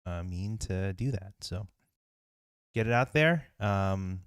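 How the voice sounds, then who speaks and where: Deep-voiced and slow, a man co-hosting a podcast chats casually with lively intonation, his smooth delivery wandering through fillers and restarts. It's a dry, studio-quality recording.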